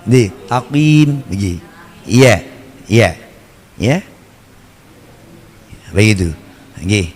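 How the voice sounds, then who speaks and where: A man's voice: mid-range voice, lively intonation, takes it slowly. A man with a Javanese accent teaching Quran recitation to a congregation, patiently drilling each letter sound again and again. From Java. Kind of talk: tajwid lesson to a congregation. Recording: long hall reverb.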